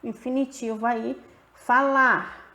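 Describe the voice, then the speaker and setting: A woman teacher giving a grammar lesson, slowly stretching out the example words as she explains. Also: a little high, steady tone, sharp tone, roomy sound.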